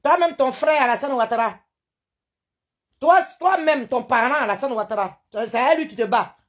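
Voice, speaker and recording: A woman's voice: high voice, normal speed. A woman with an Ivorian French accent hosts a live stream, scolding indignantly and hammering the same rhetorical questions. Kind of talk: live-stream political rant.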